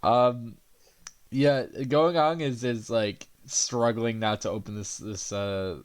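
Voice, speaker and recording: Halting, laughing young man as game master. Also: mid-range voice, steady tone, smooth. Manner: laughing, halting, many restarts. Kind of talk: narrating a tabletop game.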